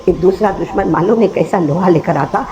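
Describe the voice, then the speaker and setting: A male preacher giving an emotional sermon, quizzing his listeners and rising to shouts. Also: high-pitched, highs cut off. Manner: call-and-response with the crowd, rising to shouts.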